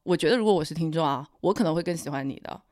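A woman co-hosting a podcast in casual, reflective chat, sounding calm, cool and rational. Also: sits low, racing, no room sound, studio quality. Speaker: podcast co-host.

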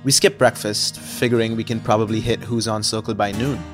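A man's voice: fairly low pitch, fairly even intonation, a little fast, soft background music, lightly acted. A young man narrating in first person as the lead of an audio drama, chatty with wry, self-deprecating asides. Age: young adult.

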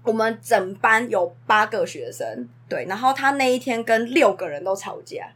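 Lively husky teacher woman. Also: medium pitch, moderate pace. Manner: animated storyteller, acts out children's lines. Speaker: daycare teacher. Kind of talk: casual chat.

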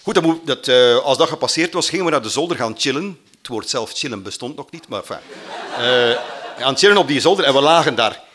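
A man's voice: mid-range voice, a little fast. Flemish man telling a personal story. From Belgium. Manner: animated, acts out quoted voices.

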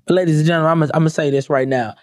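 A young adult man ranting comedically to camera, profane and animated, breaking into mock-sung lyrics. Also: fairly high pitch, rapid-fire, no echo, studio quality. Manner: animated, profane, sings song lyrics mockingly. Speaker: commentator.

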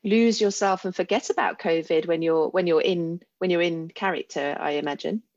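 A woman with a fairly low voice hosts a podcast interview and nudges the guest with quick questions. Her audio is dry and slightly muffled. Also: darkish tone, no echo. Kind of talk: conversational interview.

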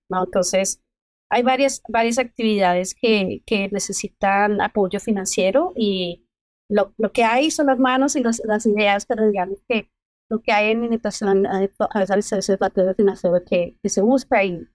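A middle-aged woman with a Colombian accent, a medical geneticist answering interview questions in an earnest, measured way. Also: medium pitch, darkish tone, no echo, clean studio sound. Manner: earnest, measured advice-giving. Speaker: medical geneticist, podcast guest.

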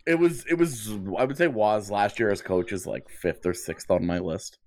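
A man's voice: fairly low pitch, sing-song, normal speed, a little mellow. A man co-hosting a sports podcast, chatting casually about teams and seasons.

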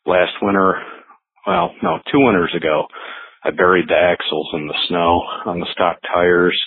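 A man's voice: low-pitched, lively intonation, normal speed, gravelly, slight background noise. A man calling in and leaving an answering machine message with a casual question for a podcast. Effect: voicemail message over a phone line. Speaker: caller. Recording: tinny phone-line voicemail.

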